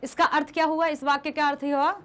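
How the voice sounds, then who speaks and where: A young woman teacher giving a lively revision lesson, asking her students questions and explaining patiently. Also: sits high, quick pace. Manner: addresses students affectionately as "beta". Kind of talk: Hindi class revision lesson.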